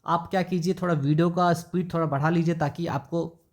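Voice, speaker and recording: A stock market YouTuber shares his screen and walks through a company's stock figures in a relaxed, casual, explanatory way. His voice is fairly high, and he reads the numbers slowly with filler pauses while repeatedly checking that the listener is following along.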